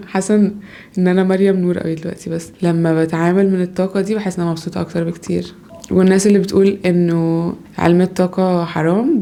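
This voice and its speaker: A young Egyptian woman talks at a rapid clip in a rambling, self-doubting monologue at home. Her voice sits low and mellow and barely rises or falls. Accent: Egyptian Arabic. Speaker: podcaster, mother. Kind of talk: casual personal monologue.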